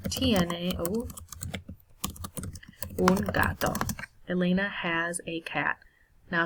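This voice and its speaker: A woman's voice: lowish voice, fairly bright tone, poor audio. A woman teaching a Spanish lesson while walking through a screen, patiently checking in with her students as she goes. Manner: patient, checks in with "right?" and "all right". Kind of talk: screen-share lesson walkthrough.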